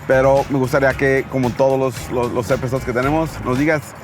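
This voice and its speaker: An energetic man hosts an interview, his talk easy and lively as he slips between English and Spanish. Music plays clearly behind him. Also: medium pitch, very fast. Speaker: host. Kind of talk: upbeat show intro and interview. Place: outdoors in a vehicle.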